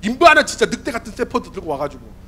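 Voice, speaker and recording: A man in his forties delivers a youth sermon in a hoarse, worn voice that sits high. His delivery is lively and questioning, and he keeps asking the listeners whether they agree. His pitch leaps and dips all over the place. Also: fast talker, slight background noise. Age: 40s. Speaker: youth pastor. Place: church sanctuary.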